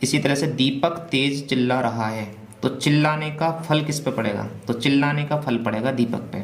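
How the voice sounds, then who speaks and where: Male teacher, lecture delivery, quizzes himself out loud; roomy sound with light hum. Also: medium pitch, moderate pace. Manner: asks and answers his own questions. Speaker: Hindi grammar teacher. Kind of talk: revision class lecture. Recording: echoey room with faint hum.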